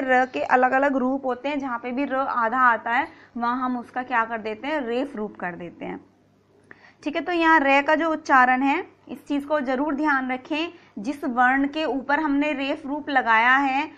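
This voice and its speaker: High-voiced woman teaching grammar patiently. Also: fairly bright tone, highs cut off. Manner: patient, repeats key points, asks and answers own questions. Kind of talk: explanatory grammar lesson.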